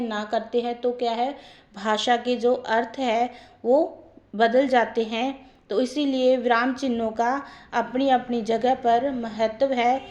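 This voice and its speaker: A woman's voice: fairly high pitch, a little mellow, lo-fi sound. A woman teaching a grammar lesson who explains step by step and repeats her points.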